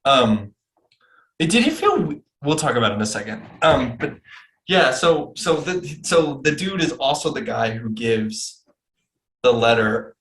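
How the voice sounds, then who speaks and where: A young man hosting a casual podcast about films. He talks loosely and swears freely. His voice jumps up high whenever something excites him. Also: a little slow. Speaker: podcast host. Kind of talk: casual movie chat.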